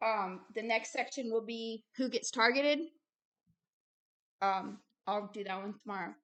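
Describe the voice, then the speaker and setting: This woman's voice is fairly high and fairly bright, moving at a measured pace. She is the host of a religious video, reading from a book and adding impassioned preaching, with an emphatic, insistent manner and repeated short phrases.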